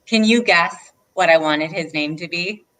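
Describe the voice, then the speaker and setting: With a lowish, fairly bright voice at a measured pace, a librarian chats through a children's read-aloud. She keeps things encouraging and invites her listeners to answer questions.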